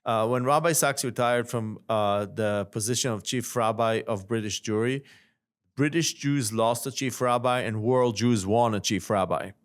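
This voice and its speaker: A man's voice: mid-range voice, clean tone. Male host putting careful questions to guests. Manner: measured questions with small fillers. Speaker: podcast host. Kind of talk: interviewing guests.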